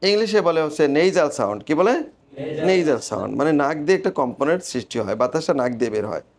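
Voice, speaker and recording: Man, Bangladeshi accent, pronunciation teacher, classroom drills, animated pitch, call-and-repeat. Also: quick pace. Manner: drills sounds aloud, asks the class to repeat. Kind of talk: classroom phonetics lesson.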